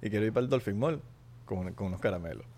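A man's voice: lowish voice, fast talker. A man with a Venezuelan Spanish accent, co-hosting a casual podcast, telling stories in a joking, slangy way. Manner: animated, joking, slangy storytelling. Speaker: podcast co-host. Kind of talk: casual chat. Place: Miami.

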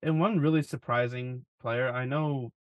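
A man's voice: mid-range voice, fairly even intonation, moderate pace, dry recording, highs cut off. Laid-back young man, dry wry delivery. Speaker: podcast co-host. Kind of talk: casual sports chat.

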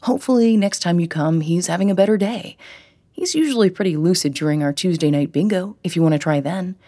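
A woman voicing a friendly, reassuring young male care-home worker who talks briskly. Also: on the low side, warm tone, lightly acted.

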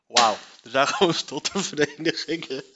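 Young adult male streamer, high and sharp-toned, crude, mocking running commentary. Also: moderate pace, a little hiss or hum. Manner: crude, mocking, laughs often. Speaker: streamer reacting to a news item. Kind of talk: casual profane commentary.

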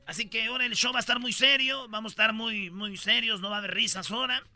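A man's voice: high-pitched, steady tone, quick pace, bright, forceful tone, dry recording. A man hosting a comic radio show, joking playfully and acting out voices in his stories.

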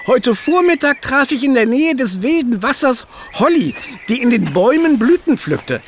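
An actor playing Hugo, an excitable, fretful animal in a children's audio drama, talking in a rush of worry. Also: male voice, very high-pitched, moderate pace, full character voice. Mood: storytelling. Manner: anxious, excitable, eager. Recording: audible background noise.

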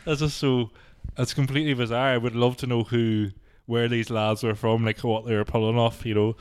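A man's voice: mid-range voice, little pitch movement, brisk, clean tone, no echo, clean studio sound. An Irish man talking as a podcast guest, casual and wry in his remarks. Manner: joking, wry.

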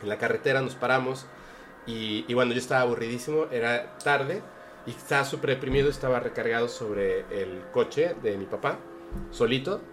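A podcast guest with a Mexican Spanish accent tells a personal story in casual fashion, earnest and hesitant, full of fillers and restarts. His voice is medium-pitched and a bit bright, and he speaks fairly quickly against slight background noise.

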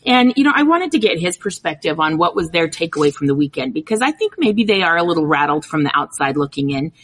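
A woman softball analyst on a sports talk show, chatty and enthusiastic. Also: fairly low pitch, sing-song, fast talker, poor audio.

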